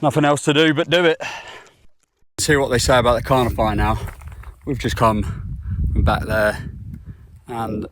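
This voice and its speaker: Young male hiking vlogger, casual self-mocking chat, mid-pitched voice, outdoor handheld mic with heavy wind noise. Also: fairly even intonation, measured pace, pauses often, fairly bright tone, low-quality recording. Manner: chatty, blunt and self-mocking, swears casually. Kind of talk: casual vlog talk to camera. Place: outdoors on a mountain.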